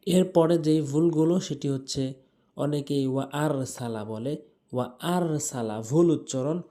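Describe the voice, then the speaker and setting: A man teaching correct Quran recitation, explaining pronunciation and then reciting the examples slowly and melodically. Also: on the high side, mellow. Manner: drawn-out melodic recitation between plain explanations. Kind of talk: tajweed lesson with slow recited examples.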